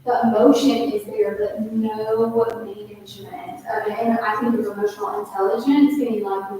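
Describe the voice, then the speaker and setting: A woman therapist presenting a workshop in a casual, lively way, often acting out what clients say. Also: mid-range voice. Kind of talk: conference workshop talk. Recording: echoey hall from far off, faint noise.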